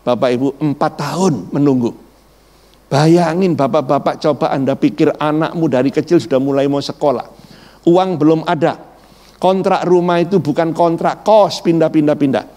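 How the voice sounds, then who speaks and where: A middle-aged pastor with a fairly high-pitched voice preaches at a normal pace, building his sermon around a personal testimony. He tells the story animatedly, acting out the voices of people he quotes and addressing the congregation again and again as "Bapak Ibu."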